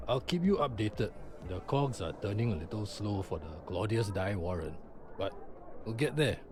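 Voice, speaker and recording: Actor as a low, expressive noir game lawman. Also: normal speed, noisy background, natural voice. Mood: grave. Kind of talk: scripted video game voice acting. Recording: game music behind the voice.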